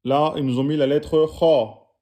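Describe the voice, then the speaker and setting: A man's voice: a little high, fairly even intonation, a little slow, dark tone. A man teaching the Arabic alphabet, patiently correcting written exercises and spelling out each letter and vowel aloud. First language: French-speaking audience.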